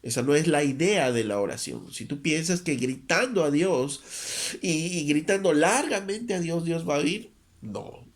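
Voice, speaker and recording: A man preaching a Sunday sermon as pastor, reading scripture aloud and mimicking rushed, repetitive prayers to make his point. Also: on the high side, animated.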